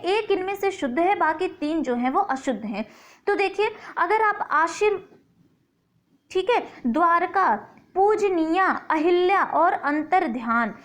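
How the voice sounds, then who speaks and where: A woman teacher going through exam questions one by one, repeating key words slowly to show how they are pronounced. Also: very high-pitched. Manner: explains step by step, repeats words slowly to stress pronunciation. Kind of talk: exam-prep lesson.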